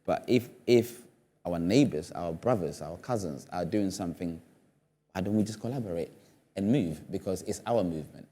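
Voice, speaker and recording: A Ghanaian man appears as a studio guest on a panel discussion show. His voice is low and mellow at a normal pace, and he speaks earnestly and emphatically, often repeating phrases for effect.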